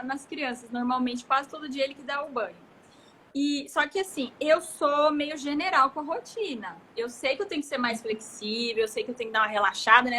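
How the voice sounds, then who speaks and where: High, bright-voiced expansive Brazilian woman. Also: slight background noise. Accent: Brazilian Portuguese. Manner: expansive, gesturing, animated storytelling. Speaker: guest. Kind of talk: casual live conversation.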